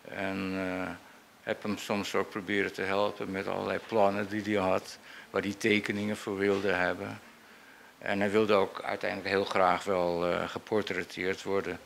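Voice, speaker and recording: An older man, a portrait painter, telling memories in a halting, unscripted and reflective way. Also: deep voice, flat delivery, gravelly, fairly bright tone, slight background noise. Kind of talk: unscripted speech recounting memories.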